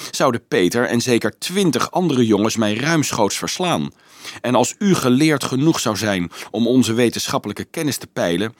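A man's voice: medium pitch, dry recording, studio quality, lightly acted. A man reading a defiant young hero.

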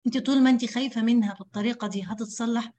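A woman's voice: a little high, fairly even intonation, racing, dark tone. A woman with an Egyptian accent teaching Quran recitation, who speaks straight to her female students and repeats syllables to show how each sound is made. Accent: Egyptian Arabic. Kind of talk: tajweed lesson explaining letter articulation.

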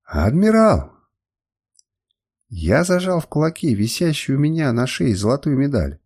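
A man narrating an adventure audiobook in the first person, his voice husky and mellow. He colors the lines with a lively, wide-ranging delivery. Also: mid-range voice. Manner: emotional first-person storytelling.

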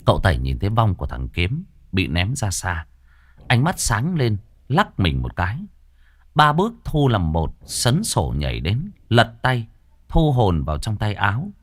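A man narrating a ghost story with dramatic, expressive delivery. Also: on the low side, measured pace, no room sound, studio quality.

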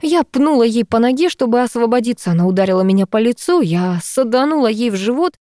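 Woman reading a lively first-person audiobook. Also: a little high, fast talker, dry recording, clean studio sound. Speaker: audiobook narrator.

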